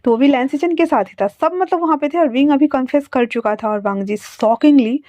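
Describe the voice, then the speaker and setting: A woman's voice: sits high, fairly quick, mellow, no room sound. A woman narrating a fan fiction story in a chatty, casual retelling. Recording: dry, dull lo-fi sound.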